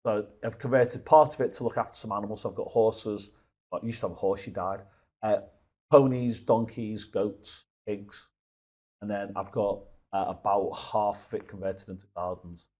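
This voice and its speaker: His voice is on the low side, steady and darkish, at a moderate pace. He is a fifty-something guest from Liverpool, England, telling stories in a casual conversational interview, wandering off course and restarting often.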